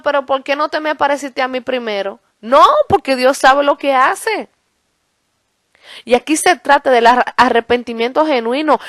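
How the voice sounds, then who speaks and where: Woman preaching hard, lots of hallelujahs, fairly high voice, dry close sound. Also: dry recording. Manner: fervent, peppered with "hallelujah" and "glory to God"; breaks into speaking in tongues. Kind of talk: sermon.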